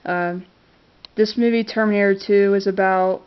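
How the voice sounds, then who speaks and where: With a clear, resonant tone and fairly even intonation, a congested woman speaks at a moderate pace in a mid-range voice. She's a vlogger casually going over films she loves, hesitant and full of fillers and restarts, recorded on dull lo-fi camera audio.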